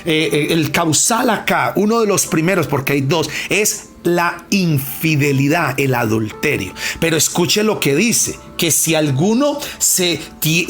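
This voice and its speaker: A pastor, preaching emphatically and asking the congregation rhetorical questions. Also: male voice, fairly high pitch, a bit bright. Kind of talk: sermon.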